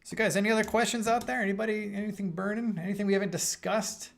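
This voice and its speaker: A middle-aged man running a live trading stream responds to viewer questions, thinking aloud in a casual, rambling style with fillers and restarts. His voice is high-pitched and gravelly, with fairly even intonation and a quick pace. He's losing his voice a little and keeps clearing his throat.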